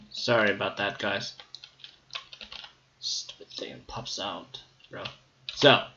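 Man, mid-pitched, slightly scratchy, casual gameplay commentary with lots of ums, lo-fi muffled recording. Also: a bit bright. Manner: rambling, hesitant, many ums. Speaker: gameplay video maker.

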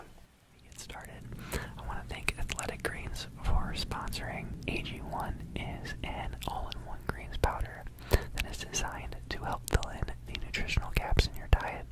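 A man in his thirties reads an ad in a casual, playful ASMR whisper, close to the microphone. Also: rough recording. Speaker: sponsored ad reader. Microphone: close studio microphone on a desk.

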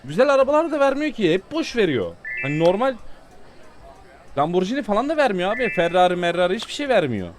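Talking fast in a high-pitched, sing-song voice over music, a male gaming YouTuber chats with his viewers during a casual let's-play. The game increasingly exasperates him.

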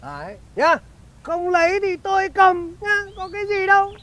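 A man's voice: very high-pitched, big pitch swings, moderate pace, pushed and bright, heavily acted. An actor playing a crafty, bossy male schemer in a comedy sketch, talking down to others. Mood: smug. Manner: bossy, ends phrases with a teasing "nhá". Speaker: comic actor.

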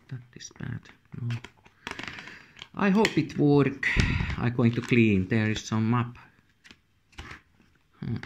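Indoors at a wooden table, a video game collector with a Finnish accent presents an unboxing in casual, unscripted commentary, muttering short remarks in halting, non-native English. His voice is medium-pitched and a little mellow, and the lo-fi recording picks up room noise and handling clicks.

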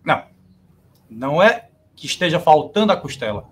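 A man's voice: fairly high pitch, big pitch swings, fairly bright tone, husky. A man joining a live stream remotely and debating the host earnestly, sometimes stumbling and repeating words. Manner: earnest, halting, repeats words when pressed.

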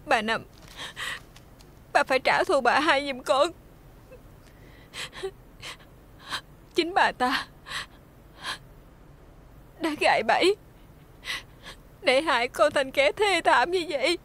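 An actress playing a young maidservant with a scalded face, pleading in tears, with a Southern Vietnamese accent. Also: female voice, high voice, expressive, slow, long pauses, fairly bright tone, full character voice. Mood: pleading, pained. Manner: tearful pleading, breaks into sobs. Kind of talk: TV folk-tale drama acting.

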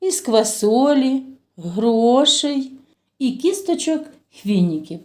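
Teaching phonics to young children, this kindergarten teacher speaks in a fairly high, expressive voice. Each word gets stretched out slowly as she sounds it, and she asks the kids questions and offers praise.

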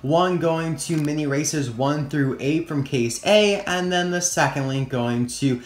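Higher-voiced young American man, echoey room, post-wisdom-teeth speech. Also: unhurried. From United States. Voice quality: slightly distorted, mouth-sore speech after wisdom tooth removal. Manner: chatty, addresses viewers as guys. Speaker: toy collector and review host. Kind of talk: casual scripted-free product review to camera. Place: indoor room at a tabletop. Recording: roomy echo, faint hiss and crinkling. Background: crinkling plastic packaging, clicks.

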